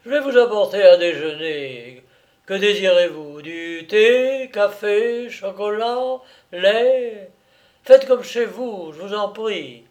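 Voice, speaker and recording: A man reading aloud and voicing a jovial, smooth-talking gentleman thief with mocking politeness. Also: high-pitched, animated, slow pace, pitched above the performer's own voice.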